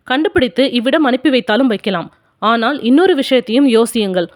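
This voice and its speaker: A woman voicing a gentle male monk disguised as a king, speaking in a calm, measured way in an audiobook. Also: on the high side, dry recording, studio quality, close to an everyday voice.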